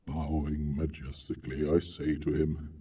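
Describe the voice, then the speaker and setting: A man voicing a proud, lonely monster in a hammy, theatrical dramatic reading, grandiose and pompous, with gravelly swells and breathy hushes. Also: rumbling low, monotone, unhurried. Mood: playful, eager. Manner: haughty, pompous. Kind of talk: dramatic reading of a literary monologue. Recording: distant mic with faint noise.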